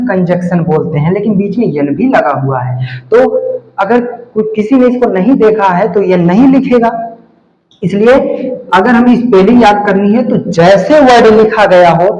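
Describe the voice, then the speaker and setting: A man's voice: high voice, a little mellow. A male teacher giving a grammar lesson, explaining step by step, repeating key words and spelling them out letter by letter. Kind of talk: classroom-style grammar lesson. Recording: echoey room.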